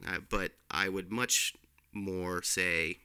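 A man co-hosts a casual film podcast, rambling with fillers and restarts. His voice is bright and crisp, and sits a bit low. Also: fairly even intonation, slow pace. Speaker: podcast co-host, film reviewer. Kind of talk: casual film review chat.

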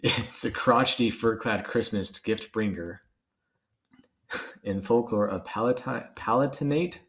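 A man's voice: fairly low pitch, measured pace, a bit bright. A man co-hosting a casual podcast, rambling, trailing off and laughing often. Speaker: podcast co-host. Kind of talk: casual chat.

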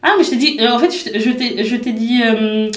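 A woman's voice: a little high, fairly quick, echoey room. A woman in casual chat, agreeing often and joking along.

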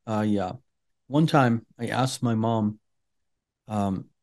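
A middle-aged man, a native Farsi speaker from Iran, tells his personal story earnestly as an interview guest. He takes his time, with many pauses and filler words, and his voice is lowish and a little mellow.

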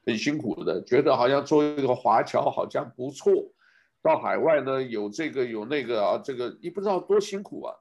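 A man's voice: medium pitch, lively intonation, normal speed, darkish tone, dull audio. A man giving a rambling casual commentary, speaking to his listeners and asking them one rhetorical question after another.

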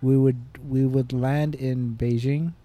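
A laid-back young man co-hosting a podcast. His voice has a mellow, warm tone at a middle pitch. He jokes easily and talks in an unhurried, relaxed way. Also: no room sound. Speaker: podcast co-host. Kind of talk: casual chat.

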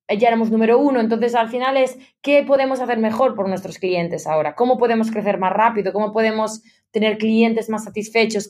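A woman's voice: medium pitch, a little mellow. A woman in her thirties from Spain, a guest in a conversational interview, chatty and mixing English business terms into her talk. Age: 30s. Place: London.

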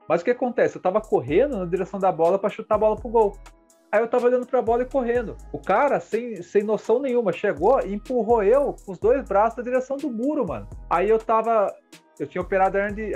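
A young man from Brazil telling a football brawl story on a casual podcast. His voice is fairly high and his words rush out quickly, full of slang. Soft music plays underneath. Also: muffled recording. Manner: animated, slangy, lots of "mano". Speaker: podcast co-host.

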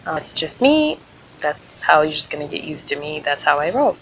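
A woman from Kenya talks casually on her own podcast in an American accent. Her voice sits slightly on the low side. She is informal and conversational, sharing thoughts in a loose, unscripted way. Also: sing-song, moderate pace, a little hiss or hum, rough recording. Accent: American, picked up in Ohio. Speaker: podcast host and small business owner. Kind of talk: casual solo podcast talk.

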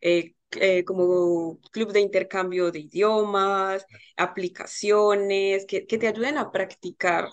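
A woman joins a podcast as a guest and chats with lively energy, often slipping into playful acted-out lines from her stories. Her pitch sits in an ordinary middle range. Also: takes it slowly, dull audio. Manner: lively, acting out quoted exchanges with laughter. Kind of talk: casual conversation.

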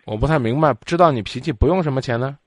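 A man's voice: medium pitch, fast talker, dry recording, clean studio sound. A man hosting a call-in advice show, talking bluntly and scolding the caller. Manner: blunt, lively, scolding, acts out quotes. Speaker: radio advice show host.

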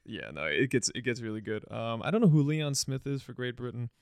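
A young man with a gravelly voice co-hosts a podcast in a dry, close-miked sound. He jokes easily and stays laid-back, dropping plenty of "um"s. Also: medium pitch, a little fast, a little mellow, dry recording. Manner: laid-back, joking, many "um"s. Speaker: podcast co-host. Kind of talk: casual podcast chat.

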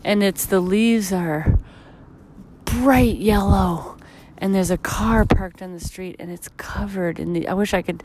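Slightly slow and a bit mellow, a woman in her thirties rambles reflectively through a solo podcast episode while walking outdoors on a street, using many fillers. Tiredness gives her voice a low, husky edge, and a slight hiss or hum is audible.

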